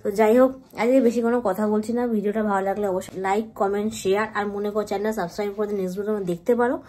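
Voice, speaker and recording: Woman, casual vlog chat, brisk talker. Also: mid-range voice, steady tone, dark tone. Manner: chatty, talks to viewers directly. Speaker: vlogger.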